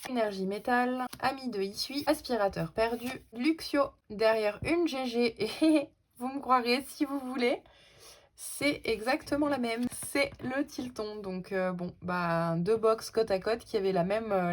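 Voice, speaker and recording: A woman's voice: fairly high pitch, a little hiss or hum. A woman giving casual, chatty commentary as she opens trading card packs, with frequent hesitations and fillers. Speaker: card-opening vlogger.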